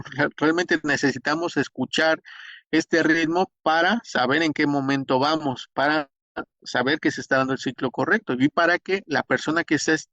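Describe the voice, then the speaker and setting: A man's voice: fairly high pitch, fairly bright tone, dry recording. Hesitant Mexican male instructor. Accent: Mexican Spanish. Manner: explanatory, many hesitations and restarts. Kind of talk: spoken lecture. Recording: dull, dry lo-fi recording.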